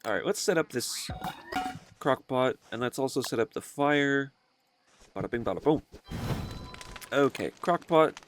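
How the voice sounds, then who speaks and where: A man's voice: medium pitch, moderate pace, over music. A man hosting a casual let's-play, thinking aloud as he plays and often rambling and correcting himself. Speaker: gaming video host.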